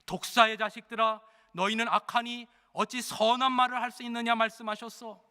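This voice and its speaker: A male pastor voicing a gruff death-row prisoner who bosses other inmates about faith, in a rough scolding manner. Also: high-pitched, normal speed, pushed and bright, big-room sound.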